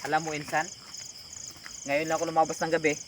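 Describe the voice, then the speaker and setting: Man as lonely friendly cousin, casual and teasing, a bit high, night insects clear. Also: completely flat delivery, quick pace, background noise, lightly acted. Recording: outdoors at night with crickets and insects.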